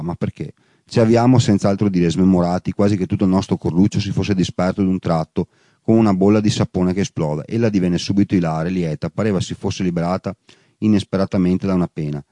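A man's voice: sits low, dark tone, no room sound. A man reading a literary novel aloud in the first person, now and then correcting a slip as he goes. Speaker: audiobook reader. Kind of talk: literary audiobook narration.

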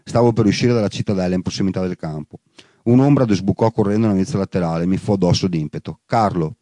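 A man narrates a literary novel in the first person, with a low, dark, mellow voice. He reads at a brisk clip and stops now and then to fix a slip. The sound is close and dry. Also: dry recording. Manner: first-person reading with occasional self-corrections. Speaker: audiobook reader.

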